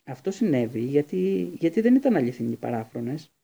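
A man voicing a kind male professor in an audiobook reading, gentle and explaining. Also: fairly high pitch, big pitch swings, creaky, slightly rough, heavily acted. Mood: calm explaining. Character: kind middle-aged male professor, calm.

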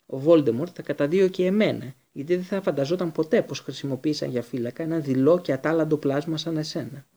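A fierce, bitter escaped prisoner from a storybook, voiced by a male audiobook reader. He speaks with intense, accusing weight. The voice is mellow and husky, pitched a little high. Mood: contemptuous. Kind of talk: audiobook character reading.

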